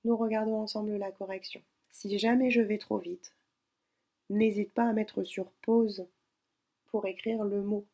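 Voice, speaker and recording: A woman teacher recording a spelling dictation lesson at home, speaking slowly and spelling words out syllable by syllable. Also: mid-range voice, level tone, dark tone. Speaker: primary school teacher.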